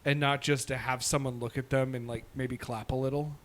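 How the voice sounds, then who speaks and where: A man's voice: mid-range voice, level tone, fairly quick, fairly bright tone. A man co-hosting a podcast, joking crudely and laughing often in casual chat. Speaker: podcast co-host.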